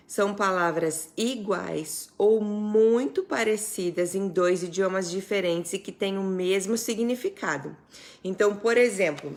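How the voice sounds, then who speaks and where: A Brazilian woman teaching English on a live stream, chatty and quick to laugh, greeting viewers by name between explanations. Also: medium pitch.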